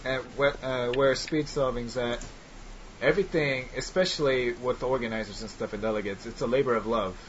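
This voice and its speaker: A podcast host with a medium-pitched voice talks a little fast as he leads a casual group chat over an online call, speaking loosely and using lots of filler words. It sounds like a computer mic on a voice call, with dull, lo-fi audio and slight background noise.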